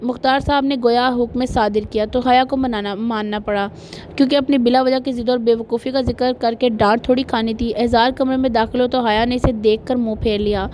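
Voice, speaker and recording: A woman narrating a romance novel aloud, telling the story at a steady pace. Her voice sits fairly high, with a faint hiss behind it. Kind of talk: audiobook novel reading.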